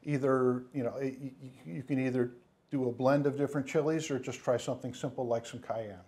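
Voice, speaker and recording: This time the spice shop owner, a man in his fifties, sounds medium-pitched and mellow, talking a little fast with fairly even intonation. Wearing a lapel mic on an indoor studio kitchen set, he demonstrates cooking casually, rambling through fillers and restarts.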